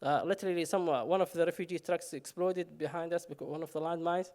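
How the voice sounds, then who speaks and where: A man's voice: on the high side, fairly even intonation, fast, darkish tone. A man from Somalia, telling a personal story on stage with self-mocking humor and frequent "uh" fillers.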